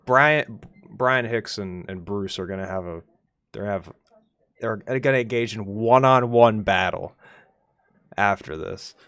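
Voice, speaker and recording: A man commentating a live-streamed sim race, excitable and stumbling over his words, still coughing from a cold. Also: lowish voice, measured pace, long pauses, no room sound. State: coughing a lot.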